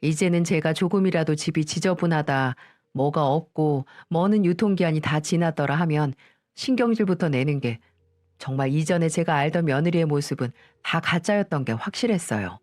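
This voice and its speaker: A woman's voice: low voice, animated, normal speed, a little mellow, no room sound. Indignant older woman telling her story. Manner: indignant, addresses listeners directly. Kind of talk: story radio narration. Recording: dry voice with faint music.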